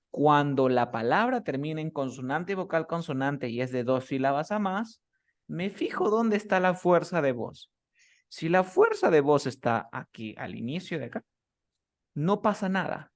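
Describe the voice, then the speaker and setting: A man's voice: fairly high pitch, sing-song, measured pace. Patient man teaching grammar rules. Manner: patient, keeps checking understanding with short questions. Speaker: English teacher. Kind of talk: explaining grammar rules in a one-on-one class.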